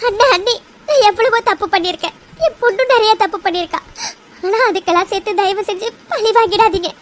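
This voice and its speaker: A desperate cartoon mother, sobbing as she begs for her daughter, voiced by a woman. Her voice is very high and imploring. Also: fast, slight background noise. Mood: begging. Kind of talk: cartoon voice acting.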